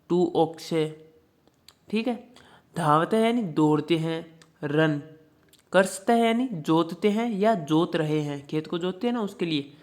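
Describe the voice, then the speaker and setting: A teacher explaining word meanings to children, pronouncing each word slowly and often repeating it. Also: mid-range voice, a little mellow. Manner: slow repeated pronunciation drills; addresses children directly, checks with "ठीक है".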